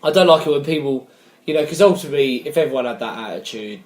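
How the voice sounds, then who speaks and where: A man's voice: mid-range voice, animated, quick pace. A man, co-hosting a casual chat, reacting with short wry interjections. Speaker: podcast co-host. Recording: roomy echo.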